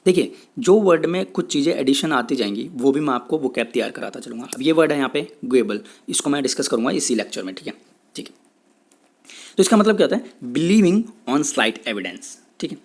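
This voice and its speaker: A man with an Indian English accent teaching exam vocabulary in a Hindi-English lecture, repeating himself often and saying English definitions slowly. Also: medium pitch, lively intonation. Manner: repetitive, checks in with "theek hai", says English definitions slowly.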